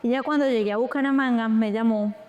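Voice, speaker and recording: Smooth-voiced Colombian woman telling her story. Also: fairly high pitch, a little fast, lo-fi sound. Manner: lively, animated retelling with quoted dialogue. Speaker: interview guest. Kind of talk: personal storytelling.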